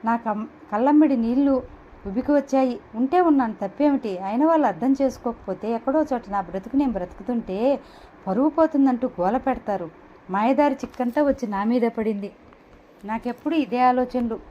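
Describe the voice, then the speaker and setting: A woman narrating an audio novel in the first person with an expressive, emotional reading. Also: a little high, a little fast. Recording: dull lo-fi with faint hiss.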